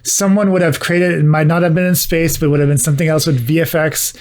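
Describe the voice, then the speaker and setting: Male co-host, a bit higher pitch, curious and thoughtful, casual chat. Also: fairly even intonation, quick pace. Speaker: podcast co-host. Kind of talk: casual movie podcast chat.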